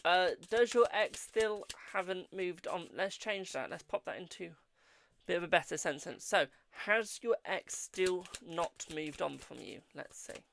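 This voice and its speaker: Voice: medium pitch, expressive, unhurried, vocal fry, a bit bright, a little hiss or hum. A British fortune teller chatting casually with viewers on a live stream and giving readings, addressing them as darling.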